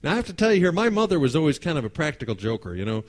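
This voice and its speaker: Animated man telling a personal story. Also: fairly high pitch, rapid-fire. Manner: animated, acts out voices, laughs often.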